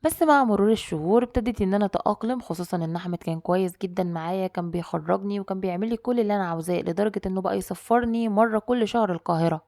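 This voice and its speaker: A woman's voice: medium pitch, racing, hardly any pauses, a little mellow. A woman with an Egyptian Arabic accent narrating a dramatic first-person story in a chatty, colloquial way.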